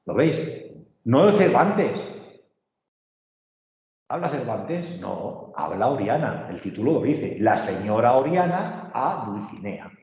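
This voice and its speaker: Teacher in an echoey, dull-sounding room. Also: male voice, mid-range voice, sing-song, slow, pauses often, a little mellow. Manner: patient, checks understanding with frequent tag questions. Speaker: literature teacher. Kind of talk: online class lecture.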